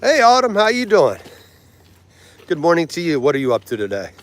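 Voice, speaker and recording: His voice runs on the high side, the pitch swooping wildly. He's a man in his forties hosting a laid-back livestream, chatty and quick to laugh, taking foreign words slowly as he talks to viewers.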